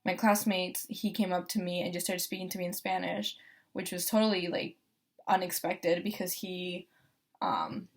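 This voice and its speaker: A young woman from Costa Rica, a law student, gives a casual first-person testimonial about her experience, chatty and full of fillers and restarts. Her voice is on the low side, with a level tone and moderate pace.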